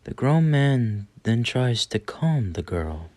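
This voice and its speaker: A man's voice: medium pitch, big pitch swings, takes it slowly, a little mellow, no echo. A man narrating a scripted horror story as its storyteller.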